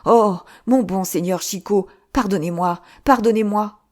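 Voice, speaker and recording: A woman reading an audiobook, voicing a fat, cowardly male monk who wails and pleads loudly. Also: mid-range voice, lightly acted. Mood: pleading. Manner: lamenting, pleading, drawn-out wails.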